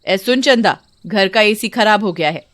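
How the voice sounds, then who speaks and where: A woman's voice: mid-range voice, normal speed, fairly bright tone, dry recording, studio quality, close to an everyday voice. A woman voicing a greedy, harsh middle-aged mother-in-law who scolds sharply. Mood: scornful.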